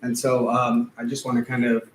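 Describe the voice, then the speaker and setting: Middle-aged parent, man, from Afghanistan, casual halting public comment, roomy echo. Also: mid-range voice, completely flat delivery. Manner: informal, hesitant, lots of fillers. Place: large meeting room. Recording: echoey room, faint noise.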